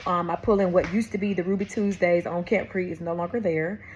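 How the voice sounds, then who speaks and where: A woman from Atlanta talks straight to camera, calling her viewers y'all and baby. Her storytelling is animated and full of restarts. The recording sounds a little dull, with faint background noise. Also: lowish voice, brisk. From Atlanta, USA. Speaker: vlogger. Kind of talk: casual testimony storytelling.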